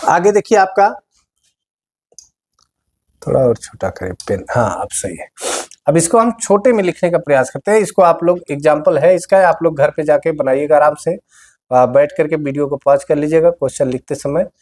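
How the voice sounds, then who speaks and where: Speaking briskly in a high, slightly mellow voice, a man gives exam students a grammar lesson. He talks straight to the class, patiently explaining and going back over key words.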